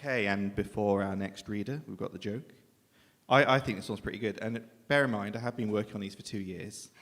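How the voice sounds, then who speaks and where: A man with a fairly low, fairly bright voice speaks fairly quickly as he hosts a live literary event indoors, making informal, joking, self-deprecating announcements between acts. The reverberant hall makes the recording echoey, with clear background noise.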